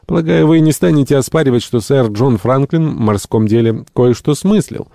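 A man's voice: mid-range voice, moderate pace, vocal fry, dark tone, dry recording, clean studio sound, voice pushed up, natural voice. A man voicing an irritable, eccentric middle-aged male entomologist who speaks in a fussy, pedantic, indignant way, raising his voice.

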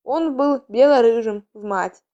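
Female storybook narrator, calm and even, somewhat high voice. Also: unhurried, dull audio. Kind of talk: reading a storybook aloud.

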